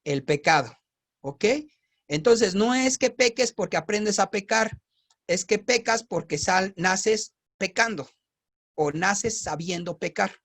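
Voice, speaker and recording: A man with a Mexican accent, teaching scripture in a casual, lively style and often asking his listeners rhetorical questions. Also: high-pitched, slow, creaky. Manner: animated, asks the audience rhetorical questions.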